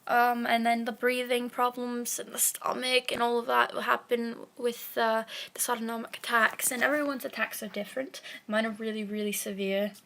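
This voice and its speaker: Her voice is a little high, creaky and a bit bright, holding a level tone at a normal speed with few pauses. The young woman shares her own experience in a frank, casual vlog, swearing and leaning on fillers, with a stutter and speech impediment that make her repeat words.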